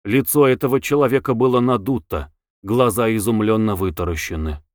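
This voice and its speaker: A man's voice: on the low side, a little fast, no echo, clean studio sound. A man narrating a novel as an audiobook, reading expressively.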